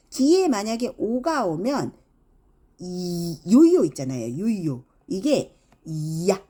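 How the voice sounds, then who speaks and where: A woman's voice: medium pitch, warm tone. A middle-aged woman teaching English phonics, demonstrating each sound with exaggerated examples. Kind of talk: phonics lesson.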